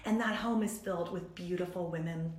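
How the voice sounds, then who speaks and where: A woman guest in a conversation, telling a story in an animated, self-mocking way and laughing often. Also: on the low side, a little fast, echoey room. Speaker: guest speaker from a women's ministry.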